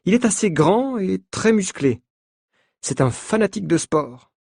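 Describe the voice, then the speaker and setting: A male narrator reading a graded-reader story for language learners. He speaks slowly and clearly, his pitch moving a lot from phrase to phrase. The recording is close and dry. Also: very animated, a little mellow, no echo. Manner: slow, clear, deliberate.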